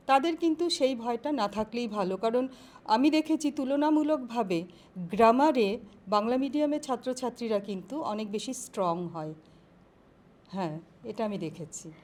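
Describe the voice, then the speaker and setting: High-voiced woman professor explaining patiently. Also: a little mellow. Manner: measured, explanatory, with frequent pauses and fillers. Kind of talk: career guidance interview.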